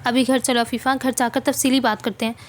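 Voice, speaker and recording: A woman voicing a calm adult man who urges a crying mother home and promises to help. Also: fairly high pitch, a little fast, natural voice. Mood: urging. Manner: calm, reassuring. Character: helpful adult man, friend's husband. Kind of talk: novel reading.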